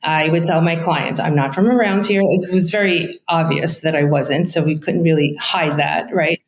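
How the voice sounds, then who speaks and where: This middle-aged Brooklyn real estate agent, whose first language is Italian, has a thick Brooklyn accent and a deep, steady voice at normal speed. She chats candidly in a casual interview, full of fillers and asides, and the sound is roomy.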